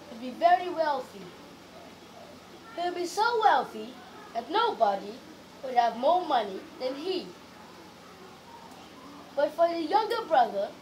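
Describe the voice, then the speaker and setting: A young girl with a Nigerian accent reads a story expressively, stressing words with exaggerated, deliberate storytelling intonation. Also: high voice. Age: child. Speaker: young reader. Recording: noisy, distant microphone.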